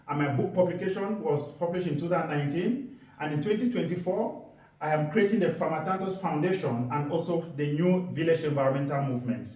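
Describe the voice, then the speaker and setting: A man in his forties speaks, his voice sitting a little high for a man. He tells his story earnestly and leans on key words. His voice comes from a distance and rings around a roomy space. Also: darkish tone. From Cameroon. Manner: earnest, storytelling delivery with deliberate emphasis. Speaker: environmental activist giving a presentation. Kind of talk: public presentation talk.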